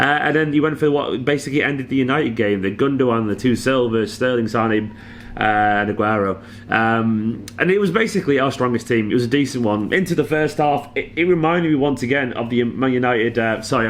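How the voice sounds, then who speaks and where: A man, hungover and worn out, chats casually about football in a mid-pitched voice. He sounds weary and blokey, with noticeable background noise behind him. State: hungover, exhausted. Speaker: football fan channel host. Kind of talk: casual post-match reaction monologue.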